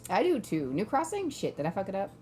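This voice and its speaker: A woman's voice: mid-range voice, sing-song, quick pace, dark tone, slightly rough. Giggly, scatterbrained woman podcast host. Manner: giggly, scattered, swears freely. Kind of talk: casual podcast chat. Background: toddler playing nearby.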